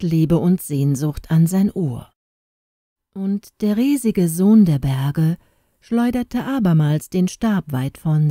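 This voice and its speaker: A woman narrates a fairy-tale audiobook in a slow, measured way. Her tone is dark and mellow, and the recording is close and dry, with no room sound. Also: low-pitched, no echo.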